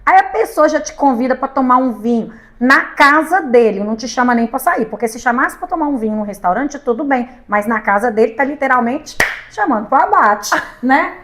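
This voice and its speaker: A woman with a Brazilian Portuguese accent tells a story on a studio podcast. Her voice sits a little high, and she talks in a lively, laughing way, acting out the dialogue as she goes. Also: brisk, hardly any pauses. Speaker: podcast guest. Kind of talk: casual storytelling chat.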